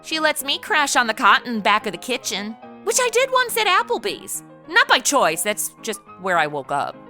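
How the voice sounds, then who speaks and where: A woman leads a comedy audio drama as a loud, sarcastic American party girl, her bright, exaggerated voice pitched on the high side and very animated at a moderate pace. Tipsy and snarky, she trades banter and narrates over faint background music.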